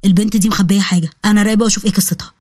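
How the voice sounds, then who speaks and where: A woman's voice: medium pitch, steady tone, racing, a little mellow, pitched below the performer's own voice, lightly acted. A woman voicing an earnest, suspicious young male doctor who asks insistent questions, with an Egyptian Arabic accent. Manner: probing, insistent.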